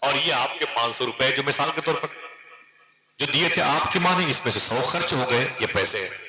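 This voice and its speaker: A male preacher with an Urdu-inflected Hindustani accent tells a story from a stage, voicing each speaker in turn and climbing to high, emphatic lines. His mid-pitched voice carries through a microphone into a large gathering. The public-address sound rings with heavy echo. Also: moderate pace. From northern India. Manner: dramatic, acts out dialogue, rising to high emphatic lines. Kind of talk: storytelling sermon.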